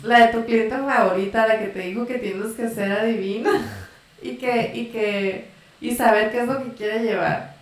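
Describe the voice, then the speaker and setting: A woman's voice: on the high side, steady tone, measured pace, reverberant. A woman in casual chat, teasing and laughing often. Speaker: chat partner.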